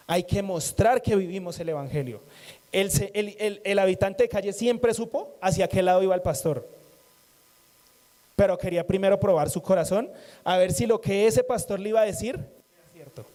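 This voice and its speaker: A man's voice: high voice, moderate pace, dark tone. A man preaching a sermon in a conversational way, repeating phrases and joking with the congregation.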